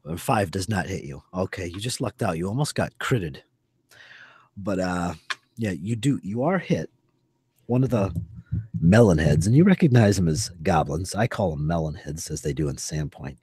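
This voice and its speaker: A man narrating a one-on-one tabletop game as game master, in a loose, halting way with many fillers. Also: low-pitched, expressive, mellow, slightly rough.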